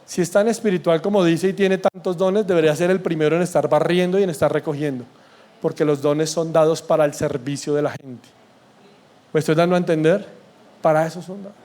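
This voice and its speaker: A man's voice: a little high, fairly even intonation, fairly quick, darkish tone. A male pastor preaching a sermon in church, emphatic and blunt, often throwing questions at the congregation. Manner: blunt and sarcastic.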